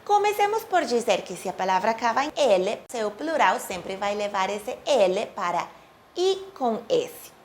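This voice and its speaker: Professora de português, fala pausada e expressiva. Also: female voice, very animated, slight background noise. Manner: clear, deliberate, says example words slowly with rising and falling pitch. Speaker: Portuguese teacher. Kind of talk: language lesson.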